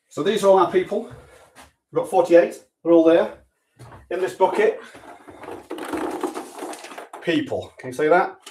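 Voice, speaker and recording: Hosting a sweepstake draw, this man chats casually and offers dry, offhand humour as live commentary. His voice is fairly high and a little mellow. He sits far from the mic in an echoey room, with slight background noise.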